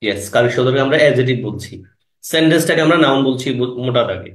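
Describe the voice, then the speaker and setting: A man's voice: medium pitch, animated, roomy sound. Man teaching an exam-prep class. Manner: asks the class quick questions and repeats key words. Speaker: English teacher.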